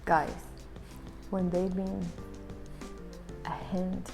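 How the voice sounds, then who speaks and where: A woman's voice: on the low side, flat delivery, extremely slow. A woman co-hosting a product review, chatting casually about her impressions. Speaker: co-host of a pipe tobacco review. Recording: music clearly heard behind the voice.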